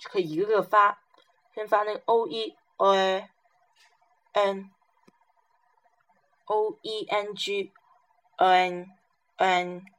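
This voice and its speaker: A woman's voice: mid-range voice, steady tone, slow, long pauses, a bit bright. A woman teaching a pronunciation lesson, repeating each syllable and example word several times. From southern China. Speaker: language teacher.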